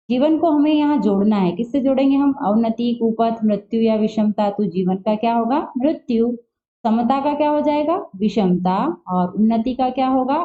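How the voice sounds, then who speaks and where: Patient woman teaching a Hindi lesson. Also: fairly high pitch. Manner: patient, asks and answers her own questions; spells out words syllable by syllable. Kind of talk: classroom lesson walkthrough. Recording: dull lo-fi sound.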